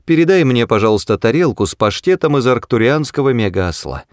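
A practical young woman in a storybook reading, cutting in briskly, as a male reader raises his voice for her. Her delivery is clear and to the point, with a lively, moving pitch. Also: no room sound, studio quality, close to an everyday voice.

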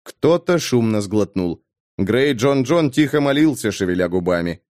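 A man narrating a fantasy audiobook with expressive, dramatic reading. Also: medium pitch, moderate pace, no room sound, studio quality. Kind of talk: scripted narration.

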